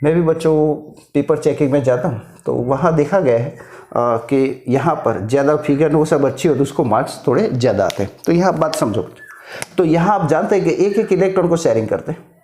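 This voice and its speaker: A man's voice: on the high side, animated, a little fast, darkish tone, a little hiss or hum. A middle-aged man teaching a physics lesson, explaining step by step and mixing in English terms. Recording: echoey room.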